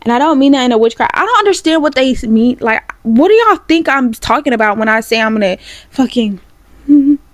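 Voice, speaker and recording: A woman's voice: high voice, expressive, brisk, dry recording. A young woman talks casually to camera in a vlog, blunt, profane and full of sassy asides. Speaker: vlogger. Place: small home room.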